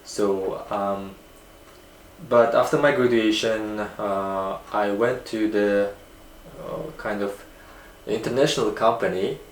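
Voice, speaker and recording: A man's voice: fairly low pitch, steady tone, slow, slight background noise. A young man from Uzbekistan answering interview questions hesitantly, with many fillers and restarts. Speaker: guest. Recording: echoey room.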